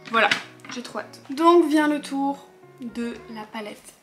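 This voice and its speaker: A woman's voice: sits high, slow pace, over music. A young woman doing a casual beauty haul at home, chatty and rambling, a bit riled up and poking fun at herself. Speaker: beauty vlogger. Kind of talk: casual haul chat to camera.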